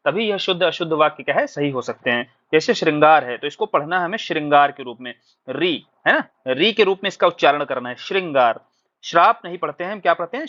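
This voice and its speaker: A man's voice: on the high side, bright, forceful tone. A man teaching a recorded exam-prep lesson, explaining patiently and asking questions before answering them himself. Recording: dull lo-fi recording.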